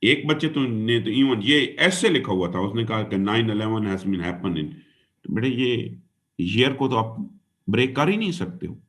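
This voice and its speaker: A man's voice: fairly low pitch, lively intonation, a little slow, fairly bright tone. A man giving a classroom lecture as an exam-prep teacher. He calls his students "dear student" and "son", spells words out letter by letter, and mixes English into his talk. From Pakistan.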